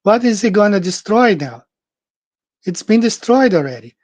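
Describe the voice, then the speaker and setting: A man's voice: high-pitched, big pitch swings, a little mellow, dry recording. An earnest man talks through his thoughts in a slightly raised voice, stopping and restarting as he goes. The recording is dry and close, with no room sound around him. He sounds like someone speaking alone to his channel's viewers. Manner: earnest, halting, with many restarts and fillers. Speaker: channel host. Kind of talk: casual monologue on scripture.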